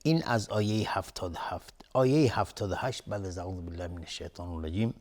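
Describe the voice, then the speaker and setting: A man with a Persian accent teaching Quran recitation rules, explaining calmly and then chanting verses slowly. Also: deep voice.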